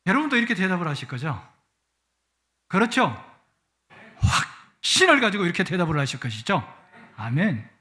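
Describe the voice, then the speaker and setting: Middle-aged pastor man, crisp bright tone, playful and lively preaching. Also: high voice, normal speed, long pauses. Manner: playful, animated preaching that swells with emotion. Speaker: guest pastor. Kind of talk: sermon. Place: church sanctuary.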